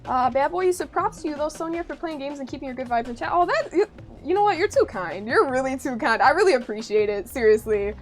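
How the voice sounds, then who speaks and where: A young woman with an American accent, chatting casually with her stream viewers in an animated, chatty way. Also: high-pitched, fast. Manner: chatty, animated retelling, frequent laughter.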